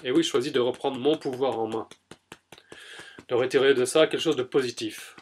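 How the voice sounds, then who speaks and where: A man speaking for himself in an EFT tapping demonstration, his voice set at an ordinary middle pitch. He talks in short first-person statements that he repeats again and again, pressing hard and sounding fed up before he eases into a softer, more settled delivery. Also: brisk, a little hiss or hum. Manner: emphatic and exasperated. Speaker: EFT practitioner.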